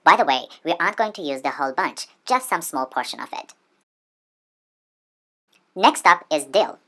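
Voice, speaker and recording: A woman's voice: low voice, sing-song, normal speed, sharp tone. A woman presents a casual cooking tutorial in a playful, sassy manner with teasing asides. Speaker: home cooking vlogger.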